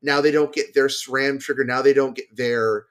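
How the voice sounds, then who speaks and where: A man's voice: medium pitch, steady tone, moderate pace, fairly bright tone. A man, a podcast guest, talking casually about a card game and thinking aloud with many fillers and restarts. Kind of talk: casual chat.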